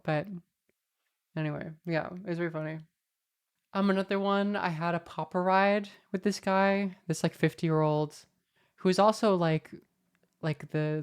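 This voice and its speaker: A woman with a notably low voice, chatting casually as a podcast host. She rambles through anecdotes with a wry edge, loaded with fillers and restarts. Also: clean tone.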